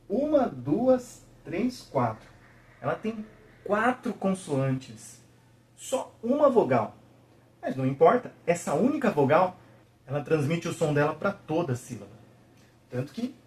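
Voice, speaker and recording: A man teaching a video lesson, patiently checking in with the viewer and slowly sounding out each syllable. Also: fairly high pitch, a little mellow, slight background noise.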